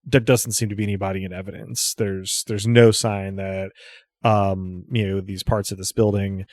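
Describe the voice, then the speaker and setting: A man acting as game master, improvising casual narration in a halting way, thinking aloud as he goes. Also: sits low, level tone, darkish tone, dry recording, clean studio sound.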